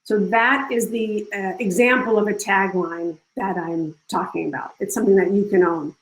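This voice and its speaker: A woman leading a live online workshop, talking casually and coaching with lots of restarts. Her voice sits at a middle pitch and carries a roomy echo from the video call. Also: fairly even intonation, moderate pace. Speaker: workshop speaker.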